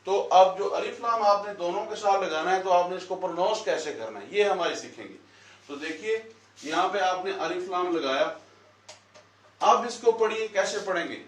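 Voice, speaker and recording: A man's voice: high-pitched, animated, moderate pace. A man teaching a Quran lesson at a whiteboard in a classroom, quizzing the class and repeating their answers. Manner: asks questions and repeats the answers. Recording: echoey room, voice from far off.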